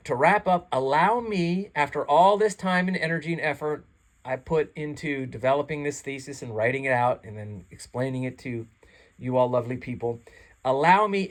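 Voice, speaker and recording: A congested man reading his own essay aloud in an earnest, rambling, self-deprecating way, then signing off casually. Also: fairly high pitch. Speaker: channel host reading his own article. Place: seated in a chair. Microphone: home microphone, some chair rubbing.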